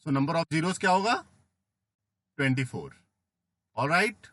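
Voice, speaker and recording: A man teaching math in a classroom lecture, often asking "है ना?" to check understanding and gently teasing students. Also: a little high, lively intonation, takes it slowly, no room sound. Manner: coaxing, asks "है ना?" and "ठीक है?" after each step; playful teasing of students, calls them बेटा. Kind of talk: classroom lecture mixing Hindi and English.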